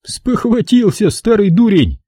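A man's voice: sits high, big pitch swings, a little slow, warm tone, breathy edge, no room sound, studio quality, voice pushed up, heavily acted. A man voicing a cheeky young soldier who mocks and rattles on like a know-it-all. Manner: sly, mocking, rattles on.

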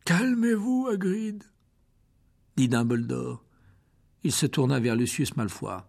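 Husky, expressive male narrator. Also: mid-range voice, a little slow. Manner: expressive, lively reading. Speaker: audiobook narrator. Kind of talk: audiobook narration.

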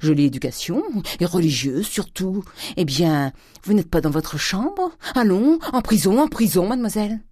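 A reader voicing a domineering, miserly old father who lurches from loud fury to hissed whispers. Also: medium pitch, big pitch swings, measured pace, breathy edge, no room sound, clean studio sound. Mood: mocking. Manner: thundering, swinging from shouts to hissed whispers. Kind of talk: audiobook character reading.

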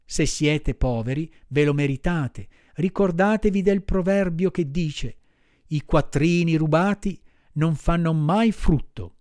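A man voicing an earnest, kind wooden puppet boy who talks in a lively way. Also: a little high, slow, dry recording, studio quality. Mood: scolding.

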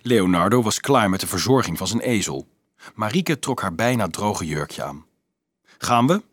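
Husky low-voiced man reading a novel. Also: normal speed, dry recording, studio quality. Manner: expressive reading, lifts his voice for the characters' lines. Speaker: audiobook narrator.

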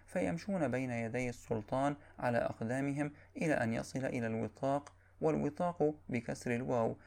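A man narrates a classical historical text at an even, measured pace. His voice sits at a middle pitch with a gravelly, creaky edge, and his diction stays formal throughout.

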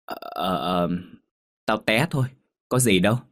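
A man's voice: on the low side, lively intonation, normal speed. A man playing a grumbling old village mother. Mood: flustered. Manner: scolding, griping. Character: elderly woman, gossipy, grumbling mother.

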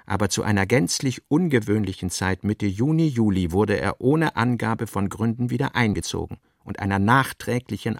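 A male narrator with a lowish voice full of gravelly fry reads literary prose for a radio play. The recording is very dry, with no room sound around it.

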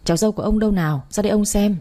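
A woman's voice: medium pitch, racing, mellow, close to an everyday voice. A woman voicing an impatient, fussing old grandfather in a spoken story. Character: older grandfather, eager and impatient.

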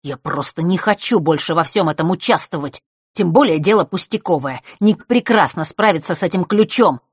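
A woman's voice: on the low side, expressive, normal speed, breathy edge, no echo, studio quality. Storybook role: a stubborn boy refusing to go home, voiced by a woman reader. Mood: defiant. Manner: snapping and defiant. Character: stubborn defiant runaway boy, Fesh.

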